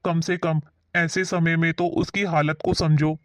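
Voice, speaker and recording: A woman's voice: sits low, flat delivery, a little slow, slight background noise. A woman playing a reproachful grown son. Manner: pleading, reproachful. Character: grown son, protective of his wife. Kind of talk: family drama acting.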